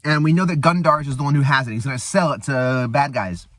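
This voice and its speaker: A man's voice: mid-range voice, quick pace, fairly bright tone, no echo. A man hosting a casual eating show, rambling and laughing as he retells a movie between bites. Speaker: host. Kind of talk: casual chat.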